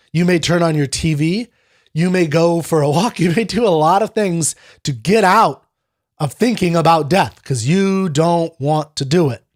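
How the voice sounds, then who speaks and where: A man hosting a livestreamed poetry discussion, talking in a loose, digressive way and sometimes acting out other people's thoughts. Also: on the high side. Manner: conversational and digressive, acting out inner voices. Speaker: host of a poetry discussion show. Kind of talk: casual livestream lecture.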